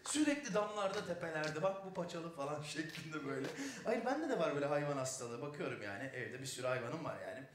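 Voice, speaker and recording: A man telling a comic story on stage, animated and mocking. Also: fairly high pitch, fast talker, few pauses, reverberant, distant mic, background noise. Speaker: stand-up comedian. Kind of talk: stand-up storytelling.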